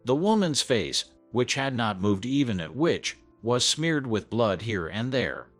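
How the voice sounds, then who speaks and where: A man's voice: mid-range voice, very animated, measured pace. A man narrating a first-person story in an earnest, scripted way. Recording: soft background music.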